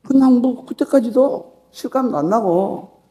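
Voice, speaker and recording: A middle-aged male pastor preaching a sermon and telling a personal story with strong emotion, swinging from loud exclaiming to hushed whispers. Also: very high-pitched, lively intonation, unhurried. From South Korea. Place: church dawn service.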